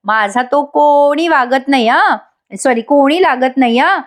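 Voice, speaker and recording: A woman's voice: high-pitched, measured pace. A woman voicing a stern, boastful middle-aged father in a soap recap. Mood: defiant.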